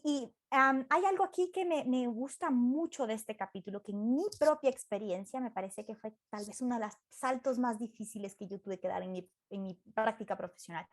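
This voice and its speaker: High-voiced woman telling a story on a video call. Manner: animated storyteller, acts out voices in anecdotes. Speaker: teacher in a discussion group. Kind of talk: casual online discussion.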